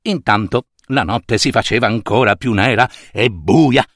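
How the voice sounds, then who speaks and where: A man reading a fairy tale aloud in a playful, expressive way. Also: medium pitch, unhurried, no room sound, clean studio sound. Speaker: storyteller.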